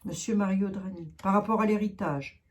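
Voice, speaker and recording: A woman's voice: mid-range voice, normal speed. A woman giving a casual tarot reading to her viewers, thinking aloud with many fillers and asides. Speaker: tarot reader.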